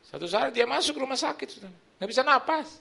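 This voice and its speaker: A middle-aged man preaching a sermon in church. His voice sits high for a man and has a bright, gravelly edge. He swings his tone widely as he acts out the people in his anecdotes. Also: quick pace. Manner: animated, acts out quoted people. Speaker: pastor. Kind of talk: sermon with storytelling.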